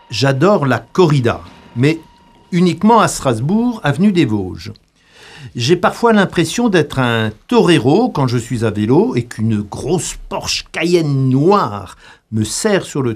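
Theatrical man with a lively, swooping voice. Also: medium pitch. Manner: theatrical, mock bullfight commentary with cries of olé; sly storytelling with asides to listeners. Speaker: radio columnist. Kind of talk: comic monologue.

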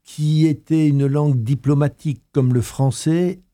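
In a radio studio, a young man from Alsace, France, a history master's student, responds to an interviewer with frequent fillers and restarts. His voice is a little high and dark in tone, fairly even in intonation and a bit slow.

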